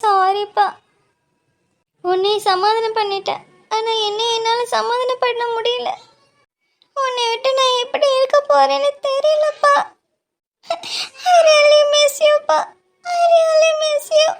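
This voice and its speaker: A woman's voice: very high-pitched, normal speed, long pauses. A woman voicing a cheeky, loving young bride in a cartoon. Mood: crying. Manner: cheeky, bubbly. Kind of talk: cartoon voice acting.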